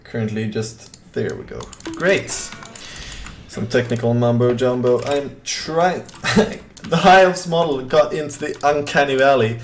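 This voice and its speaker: This young Swede speaks unhurriedly in a mid-range voice while casually chatting on a game stream, with a faint hiss or hum behind him. Reading viewer messages aloud, he wanders from topic to topic and fills gaps with lots of fillers.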